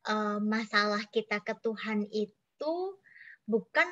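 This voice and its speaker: A woman's voice: medium pitch, slow pace, pushed and bright, muffled recording. A woman hosting a church talk show, speaking casually and searching for words as she sums up.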